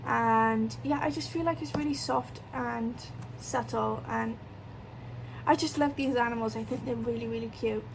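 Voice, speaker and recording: A British woman talks in a casual, chatty vlog style. Her voice sits a little high and often crackles with vocal fry. A fan hums faintly behind her as she speaks. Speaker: colouring channel host. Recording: clear fan noise behind voice. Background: electric fan.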